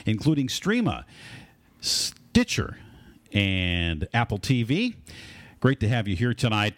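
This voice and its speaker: A man hosts live talk radio in a medium-pitched, very animated voice. The sound is close and dry. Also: no echo. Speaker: radio show host.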